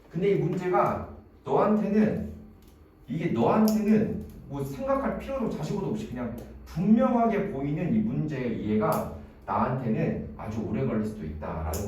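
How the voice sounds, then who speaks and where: A man's voice: mid-range voice, highs cut off. A male English teacher gives an exam-prep grammar lecture, his voice rising and falling as he quizzes students by name. He sounds far from the mic, in a very echoey classroom with faint noise behind him. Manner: animated, quizzes students by name, playful mnemonics.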